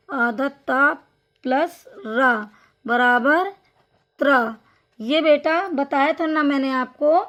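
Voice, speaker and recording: A woman teacher with a high-pitched, slightly bright voice gives a Hindi grammar lesson. She patiently repeats each point and speaks to the listener as if to a child.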